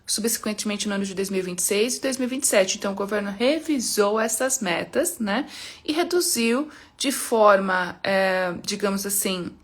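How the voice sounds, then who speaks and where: Woman, immigration consultant, live Q&A, reassuring, explanatory, mid-pitched. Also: normal speed. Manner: explanatory, reassuring, frequent "né?" and "tá?" tags. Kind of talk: live Q&A stream.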